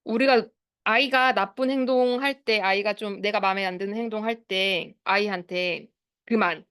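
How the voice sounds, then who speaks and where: A woman's voice: mid-range voice, fairly even intonation, moderate pace, fairly bright tone, smooth, no echo, studio quality. A woman in her thirties, a speech therapist giving an online lecture to parents and teachers, explaining and asking the audience questions. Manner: explanatory, asks the audience questions, acts out quoted phrases. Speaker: speech therapist leading a study group.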